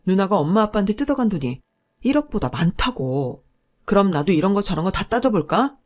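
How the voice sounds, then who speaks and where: A woman's voice: mid-range voice, sing-song, a little fast, darkish tone, lightly acted. A woman voicing an exasperated husband who talks bluntly back to his sister. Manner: blunt, fed-up. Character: exasperated younger brother, married man, blunt.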